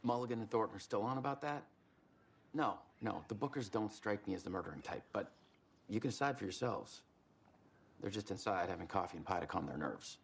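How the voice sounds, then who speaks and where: A man's voice: on the low side, lively intonation, a little fast, gravelly, breathy edge, full character voice. A man playing an affable, welcoming small-town sheriff in a video game. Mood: friendly. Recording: faint background ambience noise.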